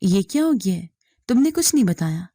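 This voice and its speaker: A woman's voice: medium pitch, big pitch swings, mellow, dry recording. A woman voicing a stern, worried husband who questions and scolds in a dry, close recording. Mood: alarmed. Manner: reproachful, questioning. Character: stern worried husband, middle-aged man.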